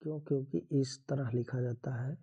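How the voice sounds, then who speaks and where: A man's voice: mid-range voice, steady tone, normal speed, mellow, husky, muffled recording. A man teaching a Hindi grammar lesson for an exam, going through the answers one by one in an explanatory way.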